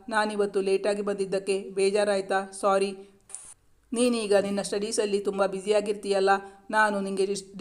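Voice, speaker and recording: A man's voice: sits high, lightly acted. A man reading as Vedanth, a tender young husband. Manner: affectionate, coaxing questions.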